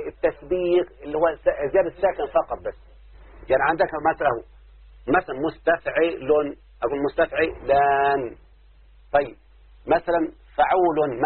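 A man's voice: a little high, slightly rough. A man with an Egyptian Arabic accent teaching a class, explaining step by step and often checking that his students understand. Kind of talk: classroom lesson. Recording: phone-like lo-fi recording.

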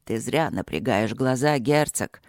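A reader voicing a calm, wise male dragon lord who speaks slowly and soothingly, in an audiobook. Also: mid-range voice, no room sound, clean studio sound, pitched below the performer's own voice, lightly acted. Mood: serene. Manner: slow, even, soothing.

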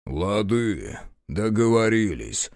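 A man voicing an old bearded winter spirit who speaks in a slow, rumbling bass. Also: very animated, a little mellow, dry recording, studio quality, full character voice. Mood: grudging.

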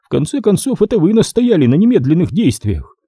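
A sneering, depraved middle-aged major from a crime audiobook, as a male narrator puts him on, raised well above the reader's own pitch. His tone is husky and dark, swinging widely between mocking lilts and sharp commands. The dry, close recording keeps every sneer up front. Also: big pitch swings, fairly quick, no echo, full character voice. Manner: ironic, condescending.

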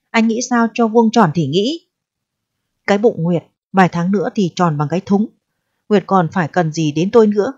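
A woman's voice: dry recording, close to an everyday voice. A woman voicing a distressed, proud eighteen-year-old pregnant girl who pleads and reproaches in a storybook reading. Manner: pleading and reproachful, turning shrill when upset. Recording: dull, dry audio.

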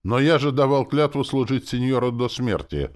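A man's voice: fairly low pitch, expressive, darkish tone, pitched above the performer's own voice, lightly acted. A man doing a dim, whiny young soldier. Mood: plaintive.

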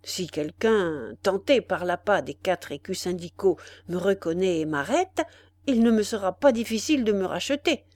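A woman's voice: medium pitch, expressive, normal speed, darkish tone, natural voice. A woman voicing a timid, greedy old male concierge who mutters fretfully and breathlessly to himself. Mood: gloating.

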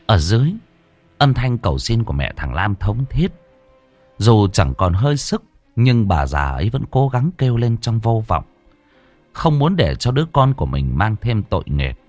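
Low-voiced male horror storyteller. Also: normal speed, no echo, soft background music. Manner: dramatic, lively storytelling. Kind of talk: scripted horror narration.

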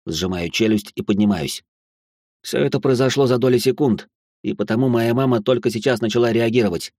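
A man's voice: lowish voice, darkish tone, no room sound, clean studio sound. A man narrating a tense, action-filled story in the first person.

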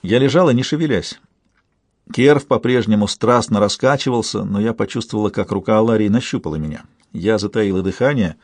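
A man's voice: lowish voice, darkish tone, no room sound. Man narrating an audiobook, dry and close. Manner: measured, tense first-person telling. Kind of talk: scripted narration.

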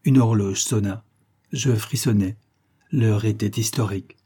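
A male audiobook narrator reads a classic novel in a measured, literary manner. His voice is mellow and warm, with a husky grain throughout. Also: on the low side.

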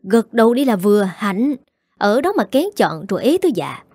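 A woman voicing a sharp-tongued young female friend who urges bluntly and briskly. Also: mid-range voice, big pitch swings, dry recording. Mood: urging. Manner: brisk, pushy urging.

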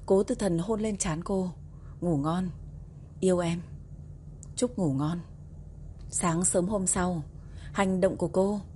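Calm woman narrating an audiobook. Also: medium pitch, slight background noise. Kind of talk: scripted narration.

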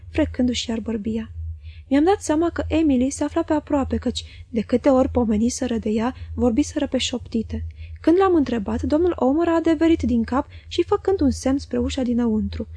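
Husky high-voiced woman reading aloud. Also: warm tone, no room sound. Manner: measured, literary reading. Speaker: audiobook reader. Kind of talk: scripted audiobook narration.

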